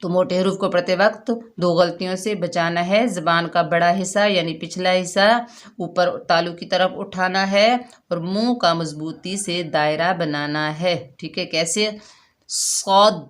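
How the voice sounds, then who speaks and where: A woman leads a Quran recitation lesson. She explains each rule patiently and repeats it. When she demonstrates, she draws the syllables out slowly and deliberately. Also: fairly low pitch, fairly even intonation. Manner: slow, drawn-out syllables when modelling recitation.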